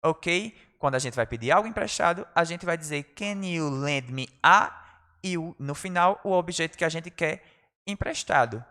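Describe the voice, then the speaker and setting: A Brazilian man teaching an online school English lesson, explaining in Portuguese and saying each English phrase slowly and clearly for pupils to repeat. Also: a little high, expressive, bright, forceful tone, in a large hall.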